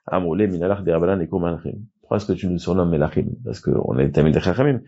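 A man's voice: low voice, fast talker, mellow. A man teaching a Talmud class who reads short phrases aloud and then explains them, with frequent restarts. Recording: dull lo-fi recording.

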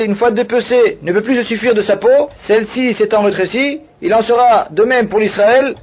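A man's voice: very high-pitched, husky, dull audio. A man teaching a religious text, reading each phrase aloud and then explaining it in French. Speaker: Talmud teacher.

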